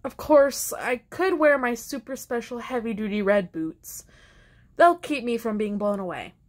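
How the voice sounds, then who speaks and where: A woman voicing a bossy, excitable little girl in a storybook read-aloud. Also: on the high side, measured pace. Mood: protesting.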